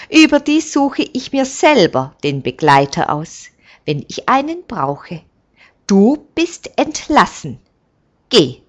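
A woman voicing an old male village elder who speaks in a firm, measured and kindly commanding way. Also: medium pitch, dull audio, pitched above the performer's own voice.

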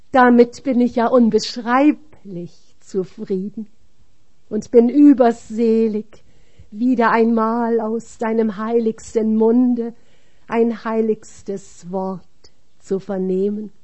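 A woman's voice: on the high side, steady tone, slow pace, mellow. A woman reading a humble devoted follower. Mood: earnest.

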